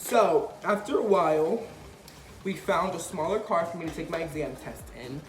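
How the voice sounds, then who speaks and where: A man's voice: fairly high pitch, moderate pace, roomy sound, slight background noise. A young man vlogger telling a story casually, acting out the quotes with energy. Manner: animated, acts out quotes.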